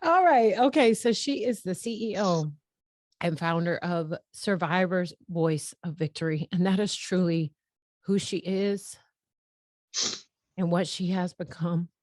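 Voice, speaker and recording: A woman's voice: on the low side, unhurried, a little mellow, no echo. Heartfelt woman podcast host, dry sound. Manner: heartfelt, rambling, laughs and tears up. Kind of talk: emotional podcast interview.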